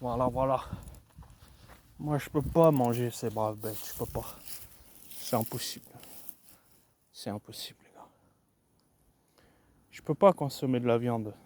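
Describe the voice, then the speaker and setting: A man's voice: medium pitch, darkish tone. A man chatting casually to his viewers in a vlog, talking outdoors in the countryside. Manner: slow, chatty, keeps addressing viewers as "the guys". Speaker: vlogger.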